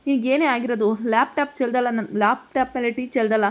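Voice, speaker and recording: A woman voicing an angry young husband who scolds his wife in sharp, heated bursts, in a fairly high voice. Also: steady tone, fast, natural voice.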